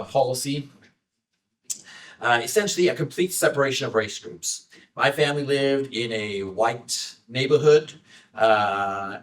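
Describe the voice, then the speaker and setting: A middle-aged man from South Africa giving a measured, personal book talk from slides, with many uh fillers. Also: medium pitch, distant mic, low-quality recording. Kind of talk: lecture with slides. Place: library event room.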